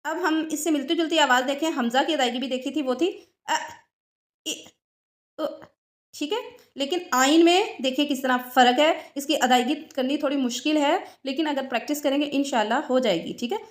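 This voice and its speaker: A woman's voice: sits high, a little fast. A woman teaching Quranic pronunciation, patiently drilling sounds and repeating examples with frequent check-ins. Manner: checks in with "ठीक है" often. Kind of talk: tajweed lesson.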